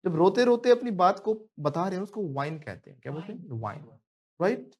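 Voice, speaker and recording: Male spoken-English teacher from India, pitched a bit high, joking with his class and having students repeat phrases. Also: very animated, brisk. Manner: playful and joking, calls on students by name, prompts repetition. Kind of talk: live classroom teaching, mixing Hindi and English drills.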